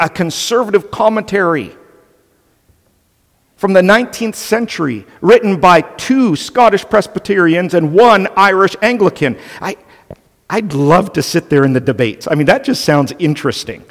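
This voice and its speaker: A man's voice: sits high, vocal fry, in a large hall. A male pastor delivering an earnest, emphatic sermon, often restarting his phrases.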